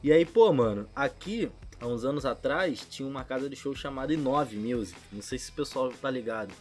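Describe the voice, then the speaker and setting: A man's voice: medium pitch, animated, brisk, faint music behind. A man with a Rio de Janeiro accent telling a casual podcast anecdote in heavy street slang, acting out bits of dialogue as he goes. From São Gonçalo, Rio de Janeiro state, Brazil. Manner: Rio street slang, full of filler tags. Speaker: podcast storyteller.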